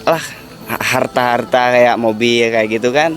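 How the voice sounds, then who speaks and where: A man's voice: medium pitch, steady tone, a little slow, a bit bright. A man, hesitantly answering interview questions as a camp participant. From Cianjur, West Java. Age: 20s. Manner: hesitant, searching for words.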